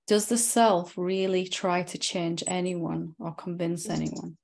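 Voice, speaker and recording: Woman teacher leading a satsang, gravelly and lower-pitched, reflective and gently probing. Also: level tone, measured pace. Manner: reflective, gently probing, ends points with tag questions. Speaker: spiritual teacher. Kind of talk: satsang dialogue with a student.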